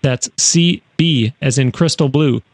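A man's voice: medium pitch, a little slow, no echo. A man hosting a radio interview show, recorded in a studio. He talks in a chatty way, with frequent fillers and restarts.

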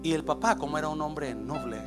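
A man preaching a sermon, mixing Spanish with English phrases, speaking directly to the congregation with many questions and swinging between hushed asides and shouted calls. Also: a little high, brisk, loud music behind the voice. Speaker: pastor. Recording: faint mains hum.

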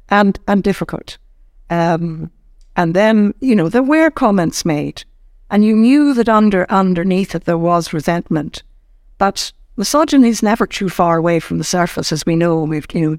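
A woman's voice: mid-range voice, no room sound, studio quality. Older Irish woman recalling her career. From Ireland. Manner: measured, searching for words with frequent restarts. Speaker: interview guest, former ombudsman. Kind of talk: reflective interview storytelling.

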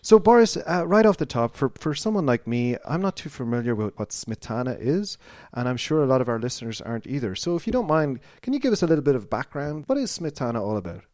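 Actor as earnest male interviewer, mid-pitched, polite, slightly hesitant, local show host, dry close recording. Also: very animated, quick pace, hardly any pauses, a little mellow, no echo, natural voice. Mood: polite, curious. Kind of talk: mock radio interview.

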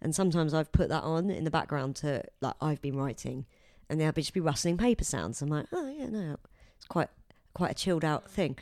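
A woman co-hosting a relaxed podcast, her voice slightly low and swooping up and down with animation. She laughs easily and acts out little quotes. The sound is close and dry. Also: brisk, hardly any pauses, dry recording. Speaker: podcast co-host. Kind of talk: casual chat.

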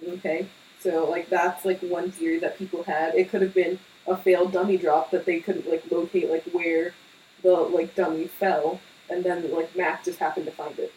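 Here a young female podcast co-host rambles through casual chat, full of fillers and side tangents. She speaks at a moderate pace in a fairly low, darkish voice that barely moves in pitch. There's a faint hiss from a slightly distant mic.

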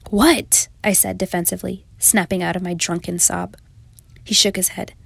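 A woman's voice: on the low side, little pitch movement, brisk, vocal fry, fairly bright tone, breathy edge, no echo. A young adult woman reading her own first-person story in a reflective, confessional manner. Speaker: narrator. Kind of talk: first-person memoir narration.

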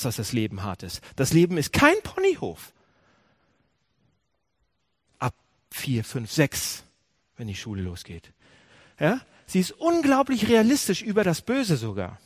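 A man delivers a sermon in an animated, questioning way, often stopping to correct a word and start again. His voice sits fairly high and swings widely in pitch. The sound is close and dry, with little room around it. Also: moderate pace, breathy edge, no room sound. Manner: animated preaching, asks the audience questions; restarts and self-corrections. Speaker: pastor. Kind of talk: sermon to a congregation.

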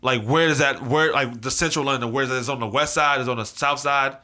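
Bright-voiced American man hosting, halting delivery. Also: mid-range voice, fairly even intonation. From United States. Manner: halting, repeats words. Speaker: host. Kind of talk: casual discussion.

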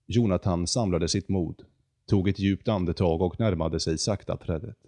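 A man narrating a storybook in a calm, measured reading voice. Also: low-pitched, no room sound.

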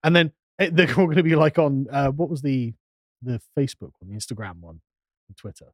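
A man's voice: mid-range voice, fairly quick, dry recording. A man co-hosting a live podcast, chatting casually, laughing often and mimicking voices. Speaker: podcast co-host. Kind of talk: casual banter on a live stream.

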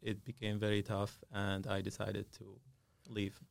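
A man's voice: fairly low pitch, monotone, measured pace, vocal fry, no echo. A man, a dentist talking as a guest in a podcast studio, hesitant and full of fillers. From Syria. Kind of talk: casual interview.

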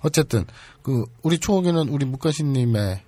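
A man hosts a loose, joking talk show conversation in a husky voice. His delivery swings freely up and down from a slightly high register, and the sound is close and dry. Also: animated, a little fast, dark tone, no echo. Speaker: podcast host. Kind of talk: casual talk show chat.

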